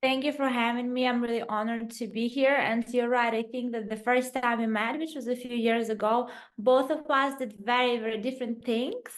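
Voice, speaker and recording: A woman's voice: a little high, fairly even intonation, moderate pace, hardly any pauses. A woman in her thirties from Portugal, a podcast guest telling her story in a reflective way, with fillers and restarts. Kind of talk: casual interview storytelling.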